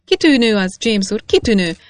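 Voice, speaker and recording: A woman reading aloud, voicing a boastful, excitable old male master miner in a storybook. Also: mid-range voice, no echo, lightly acted. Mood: eager. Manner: boastful, insistent.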